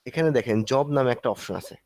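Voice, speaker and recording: A man's voice: mid-range voice, fast talker, a little mellow, dry recording. A man teaching an online class, explaining step by step in a conversational way while walking through a screen. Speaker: instructor.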